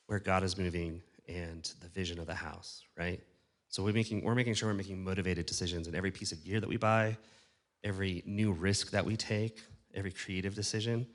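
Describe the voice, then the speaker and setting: A man's voice: sits low, fairly even intonation, moderate pace. A man speaking on stage at a conference about church production, talking casually to a live audience, checking in with questions and poking fun at himself, his voice a little worn. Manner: conversational, asks the audience questions, self-deprecating. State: losing his voice.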